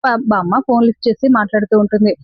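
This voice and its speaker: A woman's voice: mid-range voice, racing, slightly rough, no echo, dull audio. A woman retelling a TV serial episode scene by scene in a casual spoken way, quoting the characters' lines as she goes. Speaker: serial recap narrator. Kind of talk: casual spoken story recap.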